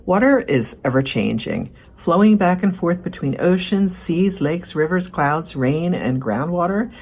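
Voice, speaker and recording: With an animated delivery, a woman reads a picture book aloud in the role of a children's librarian, pacing it deliberately for little ones. Her voice is on the low side, darkish and a bit rough.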